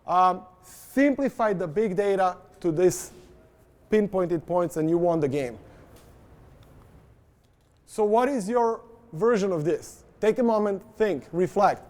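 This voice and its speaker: A man's voice: sits high, expressive, slow, long pauses, darkish tone. A man presenting at an industry event, speaking informally and joking with the audience. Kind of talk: conference presentation.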